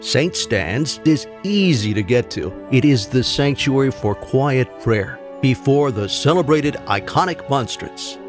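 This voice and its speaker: A man reading a scripted radio advertisement at a mid pitch, smooth and measured. A clear music bed plays under his voice. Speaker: announcer.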